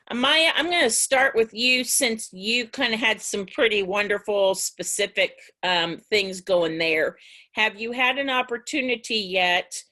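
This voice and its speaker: A woman's voice: medium pitch, bright, forceful tone. A woman teacher talking to her class over a video call in a casual, rambling way, with many restarts. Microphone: video call mic.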